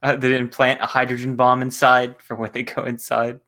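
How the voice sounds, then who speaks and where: A man's voice: medium pitch, monotone, a little fast, sharp tone. A man hosting a podcast, chatting and joking casually about a story. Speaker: podcast host.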